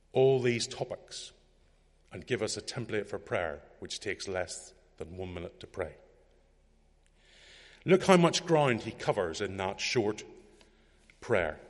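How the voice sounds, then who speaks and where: A man giving a measured, reflective sermon, reading scripture aloud with a lift in his voice. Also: fairly low pitch, long reverb tail. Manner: measured, reflective delivery, rising for quoted scripture. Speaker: preacher.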